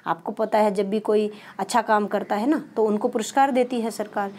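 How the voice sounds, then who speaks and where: A woman's voice: mid-range voice, fairly even intonation, moderate pace, a little mellow, a little hiss or hum. A woman teaching a primary school lesson, patient and explanatory, asking questions and answering them herself. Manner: patient, asks and answers her own questions.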